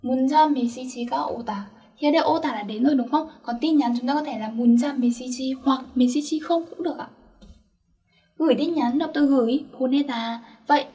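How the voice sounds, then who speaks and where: A woman teaching an online language lesson, saying words slowly and repeating them for learners, and often checking with questions. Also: high voice, dark tone, far from the mic.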